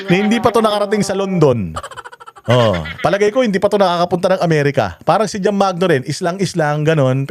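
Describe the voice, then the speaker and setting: A man from the Philippines rants through political commentary in a voice sitting a bit higher than most men's. His tone is sarcastic and mocking, and he swears freely. A faint hiss of noise lies under his voice.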